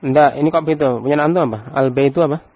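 An Islamic teacher with an Indonesian Javanese accent leads an Arabic grammar class, quizzing students and prompting them to read aloud. His voice is mid-range and quick, and the recording sounds muffled.

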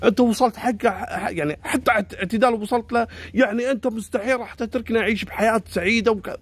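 A man voicing a tired, defiant young woman who shouts in anger. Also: mid-range voice, expressive, rapid-fire, pitched above the performer's own voice. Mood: furious.

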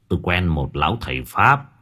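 A man voicing a swaggering young hired thug who talks fast and mocking. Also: deep voice, sing-song, sharp tone, exaggerated voice. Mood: cocky.

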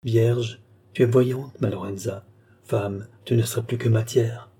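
A man's voice: medium pitch, fairly even intonation, unhurried, warm tone, slight background noise, close to an everyday voice. A man reading the lines of a brooding, ambitious mystic in a solemn, exalted declamation. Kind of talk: audiobook character reading.

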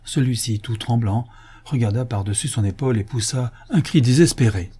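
A man reading a story aloud as narrator, in a measured, expressive manner. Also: medium pitch, slightly rough. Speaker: audiobook reader.

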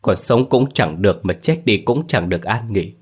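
A man's voice: animated, normal speed, breathy edge. A man voicing a grieving old village mother who wails and curses over her daughter's grave. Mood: wailing grief. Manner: wailing, shrill cries.

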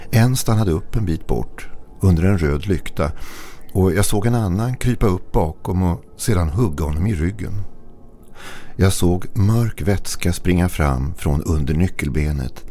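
A man with a gravelly voice reading a scripted horror story in a low, hushed, suspenseful way. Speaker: narrator. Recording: narration over faint music.

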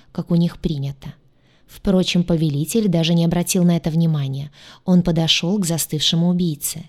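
A woman narrating a fantasy romance audiobook in a measured storytelling manner. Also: fairly low pitch, dark tone.

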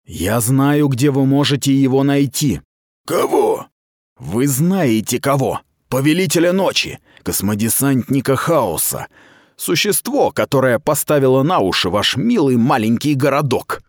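A man's voice: mid-range voice, expressive, unhurried, no echo, studio quality, voice pushed up. A man reading the part of a hot-tempered, desperate young woman investigator in a storybook reading. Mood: defiant. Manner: urgent, defiant, pleading.

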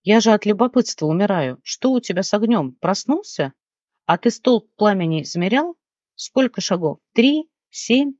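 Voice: mid-range voice, very animated, normal speed, darkish tone, no echo. A reader voicing a restless, nosy young man who pesters the others with questions in a fantasy audiobook, recorded dry and somewhat dull. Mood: pestering. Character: impatient, nosy young man, brother figure. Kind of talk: audiobook character reading.

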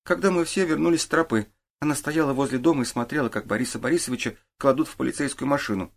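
A man's voice: medium pitch, fast talker, gravelly, pitched above the performer's own voice. A man reading an audiobook, voicing a sullen teenage boy who answers in grudging mumbles. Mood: explaining. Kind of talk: audiobook character voice.

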